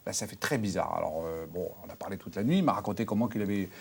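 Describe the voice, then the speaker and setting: An actor playing a crude, dim fairground owner who claims to talk with the dead, in a slangy, rambling way. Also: male voice, deep voice, fast, creaky, slightly rough, full character voice. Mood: boastful. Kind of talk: comedy sketch acting.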